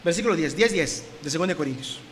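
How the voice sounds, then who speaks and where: High, bright-voiced preacher in a hall. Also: male voice, lively intonation, quick pace, a little hiss or hum. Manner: emphatic, rising to loud declamation, mock voices for critics. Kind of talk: sermon with Bible reading. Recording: reverberant hall, faint ambience.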